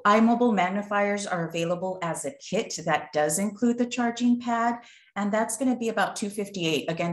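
A woman answering audience questions in a webinar over a video call, explaining product details. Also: lowish voice. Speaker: product presenter. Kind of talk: webinar presentation. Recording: echoey room.

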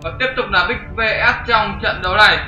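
A man commentates a game replay in a loose, chatty way, tossing in crude jokes. His voice sits high and sounds very sharp and bright. The recording is roomy and a bit dull, with faint music underneath. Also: brisk. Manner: chatty, jokey, crude slang. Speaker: game commentator, channel host.

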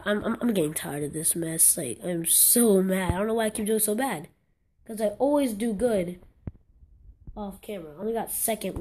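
A woman's voice: on the low side, mellow, a little hiss or hum. A young woman giving casual commentary over a mobile game, exclaiming in frustration and rambling with many restarts. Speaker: gaming channel host.

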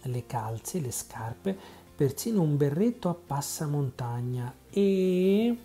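A man's voice: fairly high pitch, animated, slow, soft background music. A man voicing a sly, plump woman knitter in a storybook reading, coaxing and confiding. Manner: coaxing, confiding, hushed at times.

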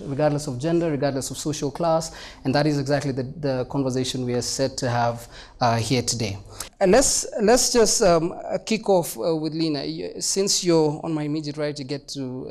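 A man's voice: a little high, a little mellow. Young man moderating a stage panel. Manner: chatty, jokey, many fillers. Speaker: moderator and presenter. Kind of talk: moderating a live panel discussion. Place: indoor conference stage.

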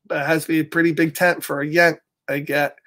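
Reading a picture book to kids in a small indoor home office, this middle-aged American host sprinkles in chatty asides. He sounds a little high and moves at a quick pace, with an animated, exaggerated manner.

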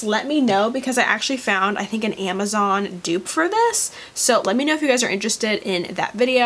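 A beauty vlogger talks casually through a makeup review at home, later moving by a window, chatty with many likes and ums. Her voice is on the high side and a bit bright, with some morning voice and coughing.

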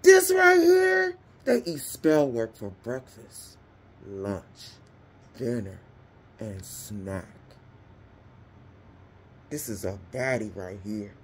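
A woman's voice: a bass voice, slow, pauses often, warm tone, a little hiss or hum. A woman doing a casual tarot reading, talking to her viewers in a slangy, exclamatory way. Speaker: tarot reader.

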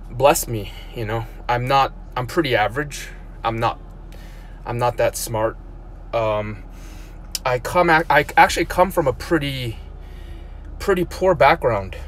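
A man in his thirties who grew up in South Korea talks through a casual live-stream monologue from the seat of a parked car. His pitch sits in the middle of the male range, and he rambles, often stopping to restart a sentence or repeat a word. The phone is held at arm's length, with a faint hum of ambience behind him. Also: unhurried, long pauses. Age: 30s. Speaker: blogger.

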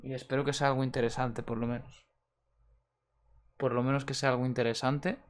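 A man's voice: medium pitch, little pitch movement, a little fast. A young man with a Spanish accent from Spain, giving casual, slangy commentary while opening game packs, swearing freely and talking straight to his viewers. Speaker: gaming video host.

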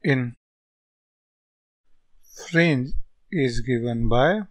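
A man with a North Indian accent gives a step-by-step lesson. His delivery is slow and halting, broken into short dictated phrases at a middling pitch. The sound is dry, with very little room around the voice. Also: dry recording. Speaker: physics tutor. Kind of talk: step-by-step lesson, reading out worked solutions.

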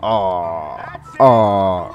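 A man's voice: low voice, extremely slow, highs cut off, soft background music. A man giving casual, playful commentary over his own gameplay, joking and talking straight to his viewers. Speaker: gameplay video host.

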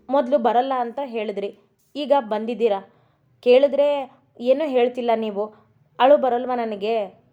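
A woman's voice: on the high side, lightly acted. A woman voicing an anxious young wife who fires off pleading questions at her husband in a story reading. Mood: hurt. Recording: dull recording with soft music.

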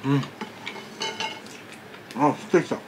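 A man's voice: slow pace, a little mellow, slight background noise. A man vlogging about food, chatting casually while eating and telling a rambling story with many asides.

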